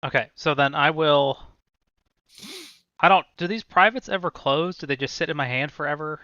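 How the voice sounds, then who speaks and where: Bright, crisp man, easygoing questions. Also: on the high side, normal speed, no echo, highs cut off. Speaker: board game player. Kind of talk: casual chat over a board game.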